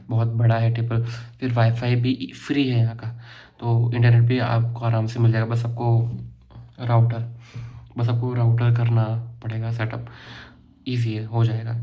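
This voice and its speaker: A young man from India talks quickly and chattily, tossing in joking asides as he shows off his student room. His voice is dark and mellow, held to a flat, even pitch. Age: young adult. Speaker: vlogger. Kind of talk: casual vlog walkthrough.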